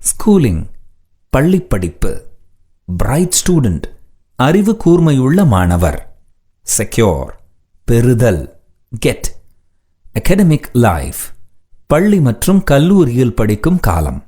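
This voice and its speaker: A man who speaks Tamil natively teaching a spoken English lesson, reading example sentences slowly and deliberately between quicker explanations. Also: medium pitch, wildly swooping pitch, warm tone, slightly rough.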